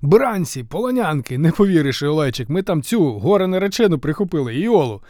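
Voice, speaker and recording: A man reading an audiobook, voicing a loud, excitable young messenger who bellows in a hoarse, overjoyed chatter. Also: on the high side, a little fast, no echo, studio quality, pitched above the performer's own voice. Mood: excited shouting. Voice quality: hoarse shouting. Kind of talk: audiobook character voice.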